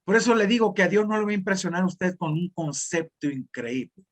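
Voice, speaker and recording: Husky pastor with northern Mexican accent. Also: male voice, high voice, expressive, brisk. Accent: northern Mexican Spanish. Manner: conversational, direct, addressing the congregation. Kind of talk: sermon.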